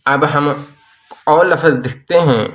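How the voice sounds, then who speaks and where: A man teaches at a very unhurried pace, his voice sitting a little higher than most men's. He stretches each sound out as he spells whole words piece by piece, like a patient tutor at a desk. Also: fairly bright tone. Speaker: language teacher. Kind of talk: slow explanatory lesson.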